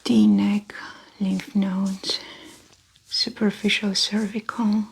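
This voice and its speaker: A woman whispering softly through an ASMR medical exam roleplay, gentle and clinical as she plays an examining doctor. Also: medium pitch, flat delivery, slow pace, vocal fry, slight background noise, rough recording. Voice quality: soft whisper.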